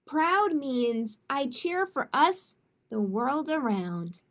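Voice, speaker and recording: Reading a picture book aloud at a children's storytime, this woman chats casually and delivers everything expressively and with emphasis. Her voice sits high, and she takes her time.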